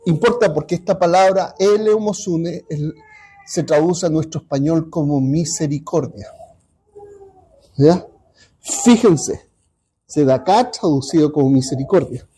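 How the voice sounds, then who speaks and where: A man teaching a Bible study class, pausing often and checking in with his listeners. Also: on the high side, warm tone, slightly rough. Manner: halting, repeats ¿ya? to check understanding.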